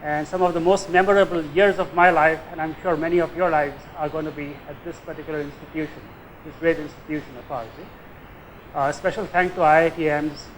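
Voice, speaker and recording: An older man with a Tamil Indian accent lectures in an informal, conversational way. His voice sits a little high for a man, and he often checks in with short questioning tags. A faint hiss runs behind him in the lecture recording. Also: low-quality recording. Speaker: guest lecturer, nuclear engineering professor.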